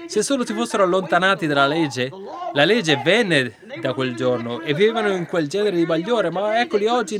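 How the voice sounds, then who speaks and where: A man preaching a sermon, retelling biblical scenes and acting out the dialogue. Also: fairly high pitch.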